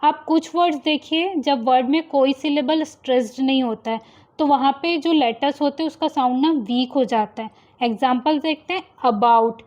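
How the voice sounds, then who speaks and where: A young woman teaching English pronunciation, repeating example words slowly to contrast wrong and right ways of saying them. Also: high voice, a little mellow. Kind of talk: phonics lesson explaining pronunciation rules. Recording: slightly dull lo-fi sound.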